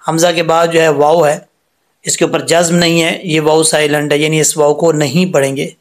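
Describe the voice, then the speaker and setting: A man teaching Quran recitation rules step by step, explaining patiently and reciting each word slowly with drawn-out vowels. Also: on the high side, little pitch movement. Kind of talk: step-by-step tajweed lesson.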